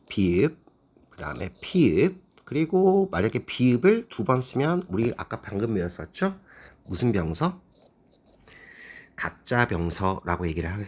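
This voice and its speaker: Male teacher, lively and husky, lecturing a class and quizzing students as he goes. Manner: explains step by step, asks the class questions; lively, animated pitch. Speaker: Korean language teacher.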